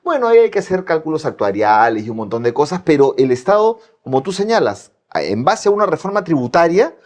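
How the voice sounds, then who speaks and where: A man's voice: fairly high pitch, big pitch swings, quick pace, a little mellow. A man hosting a political discussion, conversational, agreeing with his guest and summing up his points. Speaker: host.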